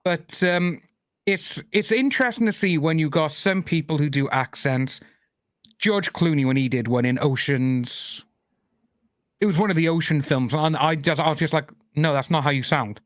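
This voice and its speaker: A man's voice: on the high side, normal speed, dry recording. Rambling Welsh man in dry close sound. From Wales. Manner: rambling, many restarts and fillers. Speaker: podcast host. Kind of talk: casual chat.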